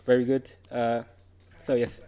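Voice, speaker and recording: A man's voice: mid-range voice, completely flat delivery, unhurried, warm tone, clear, resonant tone. A man, giving an informal presentation about his game development career, chatty and full of "uh" fillers. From Germany. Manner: chatty, with frequent "uh" fillers and light laughs. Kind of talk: informal conference talk.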